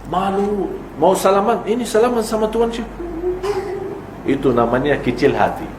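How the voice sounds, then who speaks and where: A man's voice: high-pitched, sing-song, moderate pace. Man preaching in an echoey hall. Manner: lecturing with quoted example lines. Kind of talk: religious lecture. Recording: echoey hall with faint noise.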